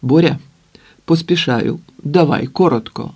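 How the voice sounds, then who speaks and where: A man's voice: fairly high pitch, a little slow, darkish tone, slightly rough. A man voicing a blunt, cocky young mechanic who talks curtly in slang.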